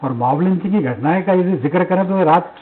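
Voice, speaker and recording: A man's voice: sits high, a little fast. A man arguing as a panelist in a televised debate, emphatic and full of rhetorical questions. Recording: tinny phone-line audio.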